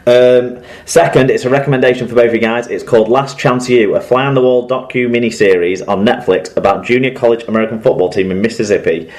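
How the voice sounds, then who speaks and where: A man's voice: medium pitch, brisk, darkish tone. A man co-hosting a sports podcast, chatting casually and reading listener messages aloud, laughing often as he reads. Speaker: podcast co-host.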